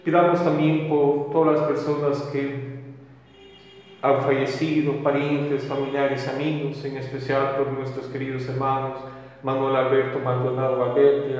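Priest praying in cathedral echo. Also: male voice, mid-range voice. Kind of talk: solemn liturgical recitation of prayers. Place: large reverberant church interior. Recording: cathedral-like echo with long reverberant tail.

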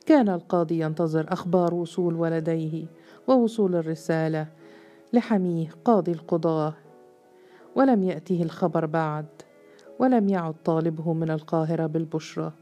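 A woman narrating a historical novel in a measured, steady storytelling voice. Her tone is low and mellow. Soft music plays faintly underneath. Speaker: audiobook narrator.

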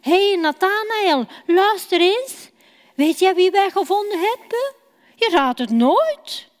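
Woman doing an excited young disciple. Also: sits high, exaggerated voice. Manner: enthusiastic, raised and quick. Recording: long church hall reverb.

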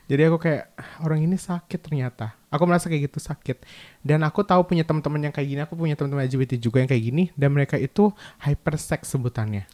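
A man's voice: fairly high pitch, quick pace, warm tone. A young man telling a painful personal story in a casual, emotional way. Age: young adult. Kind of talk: casual confessional chat.

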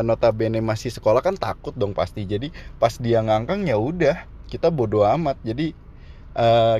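A man's voice: lowish voice, darkish tone. A young man giving a slangy, joking casual monologue as a vlogger, often laughing at his own jokes, on a dull, slightly muffled recording.

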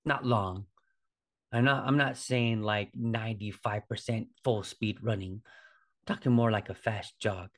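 On his solo podcast, a fitness trainer in his forties speaks in a lowish, slightly bright voice with a steady tone and an unhurried pace. The talk is casual and informal, and he often checks in with a "right?".

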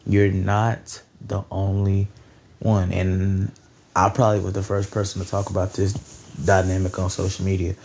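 A man's voice: low-pitched, completely flat delivery, normal speed, darkish tone, a little hiss or hum. A nineteen-year-old man hosting a solo podcast, rambling in a loose, profane, conversational way. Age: late teens. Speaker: podcast host.

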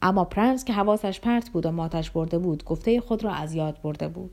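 A woman narrating a novel as an audiobook, in a measured, even storytelling manner. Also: lowish voice, vocal fry.

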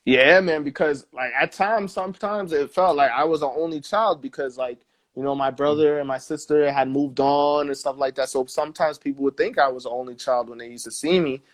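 A man with a New York accent talks easily as a music guest in a casual interview. His voice sits a little high for a man, and he drops "man" and "bro" into his sentences in a laid-back way. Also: a little fast. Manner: relaxed, peppers speech with "man" and "bro".

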